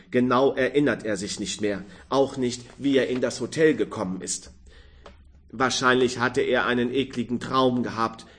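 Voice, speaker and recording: Guy reading a novel out loud, slow and measured, expressive. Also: medium pitch. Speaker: audiobook narrator. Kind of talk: scripted narration of a novel.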